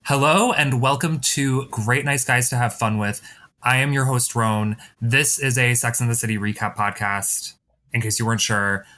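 A man's voice: medium pitch, steady tone, moderate pace. A man hosting a podcast in casual chat, with a wry, gossipy way of talking. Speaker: podcast host.

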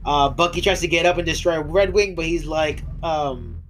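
A man's voice: a little high, moderate pace, soft background music. A man co-hosting a casual podcast, retelling a show's episode in a rambling way with laughs and restarts, his voice breaking and coughing now and then. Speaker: podcast co-host. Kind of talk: casual recap chat.

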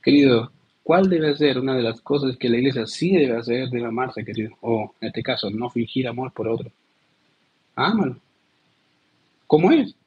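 A man's voice: mid-range voice, a little mellow, husky, highs cut off. A man with a Chilean accent, a pastor giving a sermon in an earnest way, often calling his listeners "dear". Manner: earnest, addresses listeners as "querido".

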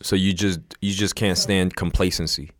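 A man's voice: low voice, steady tone, fairly bright tone. A man co-hosting a chat, asking questions in slangy, profane, joking talk. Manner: slangy and profane, quick to joke. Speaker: podcast co-host. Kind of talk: casual chat.

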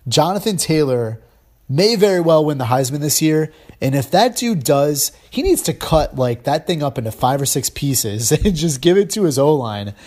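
Animated man talking college football. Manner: energetic, sarcastic, jumps up in pitch for emphasis. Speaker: podcast host. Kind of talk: casual sports podcast commentary.

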